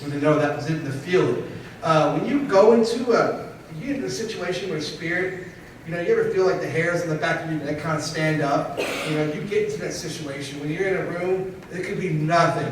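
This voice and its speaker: A man's voice: a little high, fairly quick. A man, a paranormal investigator, giving an emphatic convention panel talk to an audience, checking in with them often. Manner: emphatic, keeps checking in with "okay?". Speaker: paranormal investigator presenting evidence. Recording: echoey hall, distant, faint hiss.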